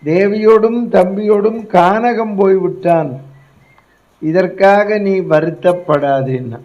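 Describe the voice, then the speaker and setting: A man's voice: high voice, takes it slowly, darkish tone, muffled recording. A man voicing a cool scheming queen. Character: calm, scheming queen mother.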